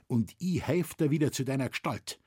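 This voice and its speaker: A man voicing a sly, mocking poacher with a Bavarian dialect and a slow, teasing drawl. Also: mid-range voice, warm tone, slightly rough, no echo, studio quality, close to an everyday voice. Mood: commanding.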